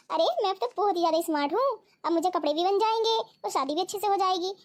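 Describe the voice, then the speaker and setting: A woman's voice: extremely high pitch, fast talker. A woman voicing a jealous, scheming young wife in a cartoon, who grumbles and whines. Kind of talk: cartoon voice acting.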